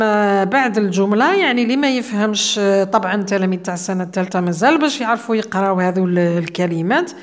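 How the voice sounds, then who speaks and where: A woman with an Algerian accent explaining a children's French workbook exercise and pronouncing the French words slowly and carefully. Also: mid-range voice. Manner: slow, careful French pronunciation with repeated words. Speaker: teacher.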